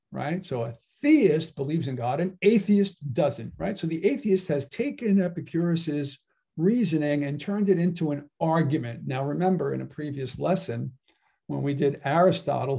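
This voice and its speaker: Gravelly New man lecturing. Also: on the high side, mellow. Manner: conversational, frequent tag "right?". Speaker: philosophy teacher. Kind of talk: casual spoken lecture.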